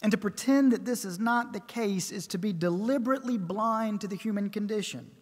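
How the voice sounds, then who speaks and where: A man preaching a sermon at a pulpit microphone, measured and emphatic, building his points with repeated phrases. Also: high-pitched. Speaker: pastor. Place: church sanctuary. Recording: long church reverb.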